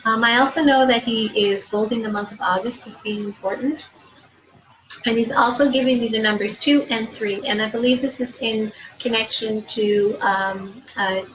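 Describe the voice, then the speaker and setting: Woman, psychic medium, soft and unhurried, lots of ums, dull lo-fi sound, faint hiss. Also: a little high. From Prince Edward Island, Canada. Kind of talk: live-stream spirit readings.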